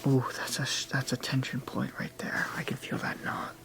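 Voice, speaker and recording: A whispered role-play by an ASMR performer as a gentle, attentive massage therapist, soothing and instructional. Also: medium pitch, completely flat delivery. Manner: soothing, slow counting, instructional. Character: gentle, attentive massage therapist talking a client through treatment.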